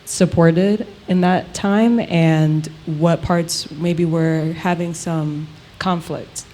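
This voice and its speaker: A woman's voice: on the low side, fairly even intonation, drawn-out words, dark tone. A woman interviewing in a thoughtful, conversational style, feeling her way tentatively through her phrasing.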